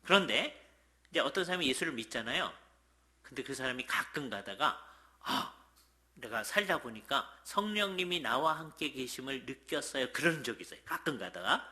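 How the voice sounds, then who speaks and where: A man giving a seminar lecture at a church in a lively way, often asking the audience "예?", acting out quoted lines and sometimes dropping to a whisper. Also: medium pitch, normal speed. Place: church hall.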